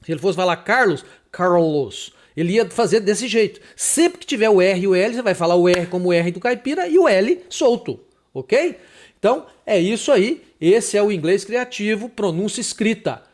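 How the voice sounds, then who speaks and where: A man from Brazil giving a casual video lesson on English pronunciation, chatty and repeating example words slowly with emphasis. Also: sits high, expressive. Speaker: English teacher.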